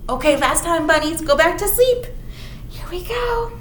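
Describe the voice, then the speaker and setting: A woman leads storytime for young children, reading aloud in a playful, exaggerated manner and making chatty asides to her little listeners. Her voice is very high and animated at a normal speed. The recording has a roomy echo and background noise.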